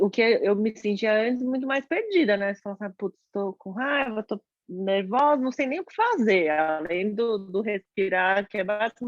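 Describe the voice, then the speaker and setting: A woman's voice: mid-range voice, no room sound. A woman in a casual book group talk, thoughtful and hesitant. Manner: thoughtful, hesitant, many restarts. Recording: dull, dry lo-fi sound.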